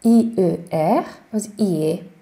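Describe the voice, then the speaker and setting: A woman French teacher giving an online lesson, patient and repeating each example word slowly. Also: medium pitch, dark tone.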